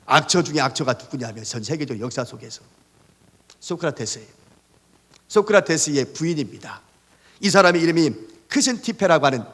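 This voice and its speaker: A male pastor giving a sermon, telling stories in an animated way and putting rhetorical questions to the congregation. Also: high-pitched, long reverb tail. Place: church sanctuary.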